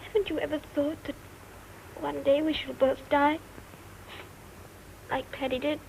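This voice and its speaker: An actress playing a gentle young castaway mother, speaking softly and earnestly in 1940s film style. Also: high voice, level tone, unhurried, vocal fry, slight background noise, rough recording. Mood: tearful. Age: young adult.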